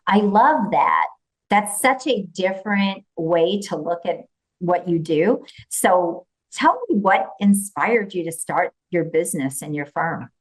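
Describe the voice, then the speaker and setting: A woman hosting an interview podcast, enthusiastic and full of quick affirmations. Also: lowish voice, expressive, rough recording. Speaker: podcast host. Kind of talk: casual interview.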